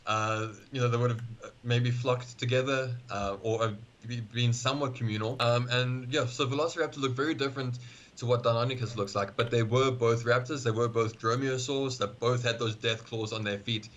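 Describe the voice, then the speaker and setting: A man's voice: mid-range voice, fairly even intonation, fairly bright tone, highs cut off. A man, a paleontologist, talking eagerly on a game stream and often restarting his sentences. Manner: enthusiastic, halting with many restarts. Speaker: paleontologist guest. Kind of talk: casual chat on a game stream.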